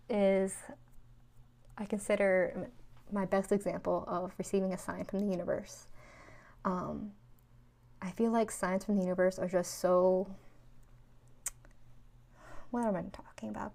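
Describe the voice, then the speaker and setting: A woman from New York shares stories in a loose, chatty vlog style, leaning on "like" and "um" as she goes. Her voice is mellow and dark, with plenty of gravelly fry. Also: medium pitch, fairly even intonation, a little slow, pauses often. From New York, USA. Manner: chatty, rambling, with many 'like' and 'um' fillers. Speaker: spiritual vlogger. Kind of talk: casual storytelling.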